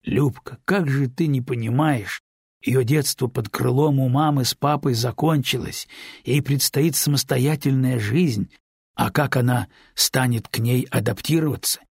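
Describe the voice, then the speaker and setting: A decisive, stern man gives brusque orders, as an audiobook reader plays him. The voice is gravelly and deeply husky. It is recorded dry. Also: no room sound. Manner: firm, commanding, brusque. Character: stern, decisive man, middle-aged friend. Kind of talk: audiobook character reading.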